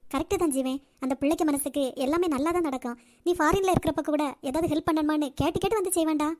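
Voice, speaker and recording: A woman voicing a kind, caring middle-aged mother in a cartoon, talking in a gentle motherly way. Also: high-pitched, fast, natural voice.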